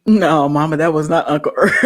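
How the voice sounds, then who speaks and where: A young adult woman hosting a live-stream talk show, excitable and gushing, laughing often. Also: deep voice.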